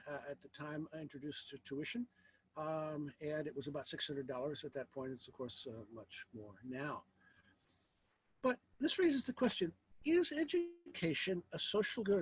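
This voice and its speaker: A man giving an informal philosophy lecture, speaking in a halting, reflective way with rhetorical questions. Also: on the high side, a little hiss or hum, rough recording.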